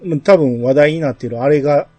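A man's voice: a little high, fast, warm tone, highs cut off, faint music behind. A man chatting casually as the host of a podcast. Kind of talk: casual chat.

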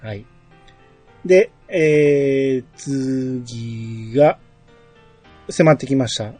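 Mellow, husky man. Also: mid-range voice, drawn-out words, faint music behind. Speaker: podcast host. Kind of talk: casual chat.

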